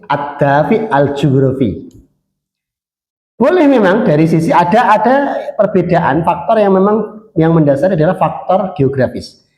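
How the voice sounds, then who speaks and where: A man's voice: on the high side, very animated, measured pace, a little mellow, roomy sound. A man lecturing a university class, mixing Arabic phrases into his Indonesian and quizzing his students.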